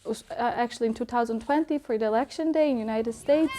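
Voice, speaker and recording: A young woman answers interview questions about her art in a reflective way. Her voice sits fairly high, and she often stops to think with an um before going on. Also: dark tone. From Bosnia. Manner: thoughtful, pausing often with ums.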